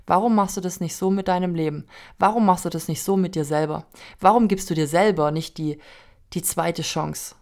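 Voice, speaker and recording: A woman's voice: on the low side, moderate pace, darkish tone. A woman hosting a podcast, speaking earnestly in a coaching tone and putting rhetorical questions straight to the listener. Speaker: podcast host. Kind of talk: motivational podcast monologue.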